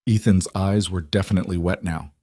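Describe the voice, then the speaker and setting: A man narrating a scripted story in a steady, measured way. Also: sits low, no echo, studio quality.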